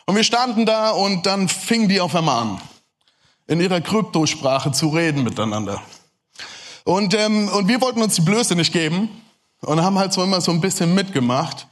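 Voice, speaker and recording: German guy preaching, high voice, talks fast and right at the crowd. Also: animated. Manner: fast-talking, addresses the audience directly. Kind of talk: lively sermon talk to a crowd.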